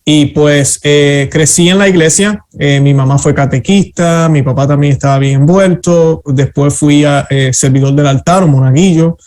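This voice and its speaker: Middle-aged Puerto Rican man, light higher voice, earnest hesitant guest testimony. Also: normal speed, few pauses, a little mellow. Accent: Puerto Rican Spanish. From Puerto Rico. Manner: earnest, reflective, many hesitant fillers. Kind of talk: personal testimony in an interview.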